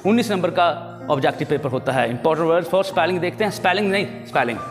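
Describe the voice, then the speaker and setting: A man teaching an English lesson, who reads English terms slowly and repeats them with meanings. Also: a little high, animated, long reverb tail, over music. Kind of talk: classroom lesson explaining answers and spellings.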